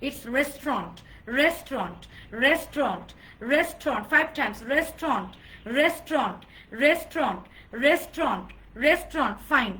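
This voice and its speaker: High bright-voiced woman teaching pronunciation. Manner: drills words aloud, repeating them for learners to echo; greets viewers by name during a live stream. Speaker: English pronunciation trainer. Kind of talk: live online pronunciation lesson.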